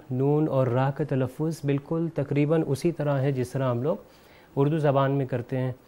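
A man hosting a televised lesson, explaining Arabic pronunciation in a measured way and saying letters out slowly to demonstrate. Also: medium pitch, mellow. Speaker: Quran recitation teacher and show host.

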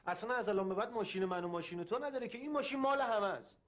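A man's voice: high voice, a bit bright. An actor playing an eager man full of plans, in a TV drama. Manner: eager, planning. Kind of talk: TV drama acting.

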